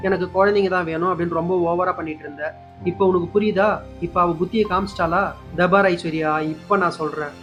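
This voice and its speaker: A man voicing a scheming, spiteful older aunt who coaxes and eggs her niece on, talking fast. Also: on the low side, natural voice. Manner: coaxing, spiteful. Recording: dull lo-fi with faint music.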